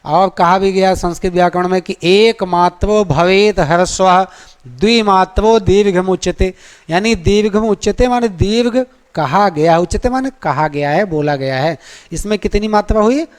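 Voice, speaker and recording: A man's voice: high-pitched, moderate pace, clean tone. A man teaching grammar in a lecture style, asking rhetorical questions, answering them himself, and drawing out vowel sounds to demonstrate them.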